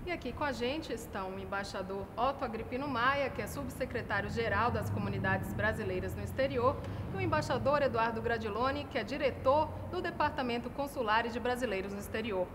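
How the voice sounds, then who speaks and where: A woman with a Brazilian accent, presenting a TV program in a clear, formal, scripted way. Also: fairly high pitch, a little fast, hardly any pauses, long reverb tail, noisy background. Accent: Brazilian Portuguese. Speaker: TV host.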